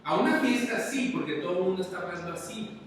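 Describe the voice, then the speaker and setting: A man's voice: sits high, lively intonation, fast. Mexican man lecturing in an echoey hall. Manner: conversational, asks the audience questions constantly. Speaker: conference speaker. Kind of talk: motivational lecture to an audience. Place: large conference hall. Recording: very echoey hall, distant, faint noise.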